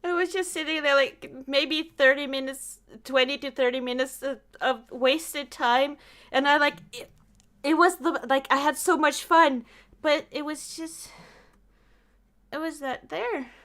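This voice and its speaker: A little slow and sitting high, this woman's voice carries casual podcast chat. As host, she tells stories vividly, performing her reactions as she goes.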